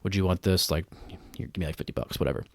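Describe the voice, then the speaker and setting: A man's voice: sits low, rapid-fire, vocal fry, no room sound, studio quality. A man co-hosting a podcast, chatting casually and rambling with lots of fillers. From United States. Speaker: podcast co-host. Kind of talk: casual chat.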